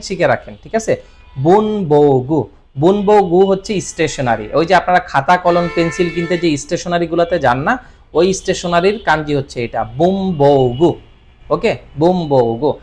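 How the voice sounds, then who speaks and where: Teacher, male, slightly high voice, casual explainer, quizzes students and drags words out to be copied down. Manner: repeats words with quiz questions; draws out words slowly. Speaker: Japanese language teacher. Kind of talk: explanatory lesson.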